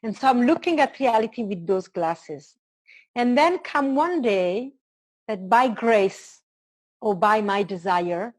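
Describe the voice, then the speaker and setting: A woman's voice: medium pitch, a little mellow. A woman with an Italian accent speaks as a spiritual teacher in conversation, earnest and expansive, unfolding her reflections in short phrases. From Italy. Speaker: spiritual teacher being interviewed.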